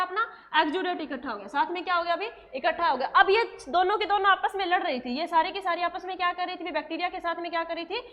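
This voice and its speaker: A woman's voice: extremely high pitch, bright, forceful tone, muffled recording. A woman teaching a nursing class in a lecture style, asking questions and answering them herself.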